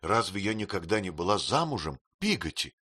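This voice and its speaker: A man voicing an emotional, tearful young widowed mother, in a high, plaintive, pleading voice. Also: very animated, fairly quick, pushed and bright, slightly rough, heavily acted.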